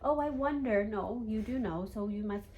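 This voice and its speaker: A woman's voice: medium pitch, steady tone, fairly quick, darkish tone, close to an everyday voice. Woman as a seance medium channeling a formal spirit guide. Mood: firm, insistent. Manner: formal stilted phrasing, often ending statements with "yes?". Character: calm, authoritative male spirit guide teaching human seekers. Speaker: trance channeler. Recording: faint background noise.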